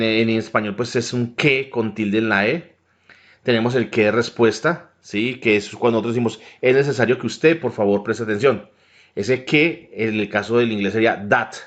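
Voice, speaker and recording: A man's voice: medium pitch, fairly bright tone. A man explains English grammar over slides, often checking in with tag questions. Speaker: English teacher. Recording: dull lo-fi recording.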